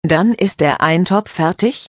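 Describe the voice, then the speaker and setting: A woman voicing a patient mother who calmly explains cooking steps to her children. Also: fairly low pitch, measured pace, dry recording, studio quality. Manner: calm, instructive.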